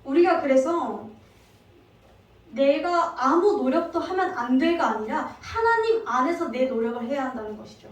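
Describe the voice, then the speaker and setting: Lady preaching, high voice, lots of questions to the crowd, big church echo. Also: moderate pace. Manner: lively storytelling with many rhetorical questions. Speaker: evangelist preacher. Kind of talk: sermon. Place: church sanctuary. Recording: very echoey hall, distant mic.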